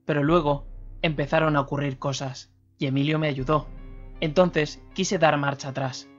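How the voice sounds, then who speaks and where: A man's voice: a little high, fairly even intonation, normal speed, close to an everyday voice. A man playing a remorseful former convict. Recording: slightly dull radio recording, faint music.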